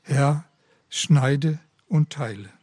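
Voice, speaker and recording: A man voicing a humble bamboo tree in a read-aloud parable, pleading and then speaking in a hushed voice. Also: mid-range voice, drawn-out words, husky, no room sound, clean studio sound.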